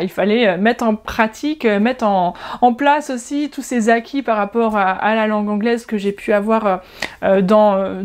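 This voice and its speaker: A woman from France in her thirties, talking casually to camera in a vlog with frequent pauses and restarts. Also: fairly high pitch, a little mellow. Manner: chatty, many hesitations and restarts. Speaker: language-learning YouTuber.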